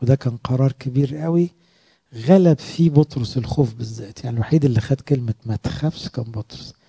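A man with an Egyptian Arabic accent preaching a sermon in a lively, conversational way, often asking his listeners questions. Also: mid-range voice, fast, vocal fry, breathy edge, no echo, studio quality.

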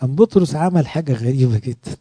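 A man with an Egyptian Arabic accent preaches a lively, conversational sermon, often putting questions to his listeners. His mid-range voice is slightly rough and quick-paced, in a dry recording.

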